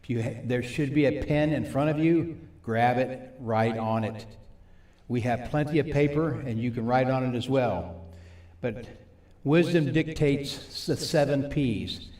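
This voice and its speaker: A man teaching a live faith-based recovery group on stage, folksy, repeating points slowly for his audience. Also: medium pitch, darkish tone, echoey room. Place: church meeting room with audience and monitors.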